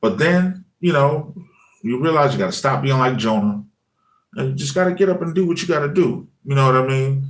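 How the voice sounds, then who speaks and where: Speaking briskly in a mid-range voice, this former high school teacher turned music channel creator, a man in his forties, chats through his story with plenty of "you know what I mean" fillers. He brings his past words to life by performing them as animated quotes.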